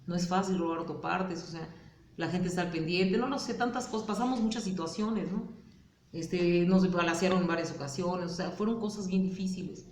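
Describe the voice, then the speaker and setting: A woman's voice: fairly low pitch, fairly even intonation, a little fast, a little mellow, reverberant, a little hiss or hum. A woman with a Mexican Spanish accent, speaking candidly and hesitantly in a personal testimony interview, with many fillers and tag questions.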